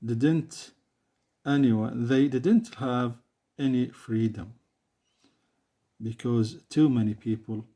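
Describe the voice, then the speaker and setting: Male teacher, Saudi Arabic accent, Arabic native, mid-pitched voice; slow, halting delivery that repeats each phrase. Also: steady tone, mellow. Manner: hesitant, many uh fillers, repeats each phrase. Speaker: English teacher. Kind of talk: classroom English lesson.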